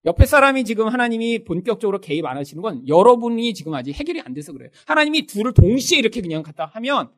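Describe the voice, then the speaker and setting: A man's voice: high-pitched, very animated, fast talker, few pauses, fairly bright tone. A man preaching a conversational sermon as a pastor, acting out everyday quotes.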